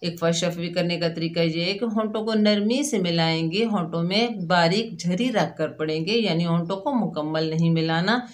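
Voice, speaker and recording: A woman teaching Quran recitation rules step by step, explaining each letter and then sounding out the syllables slowly. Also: on the low side. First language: Urdu. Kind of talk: slow step-by-step tajweed lesson.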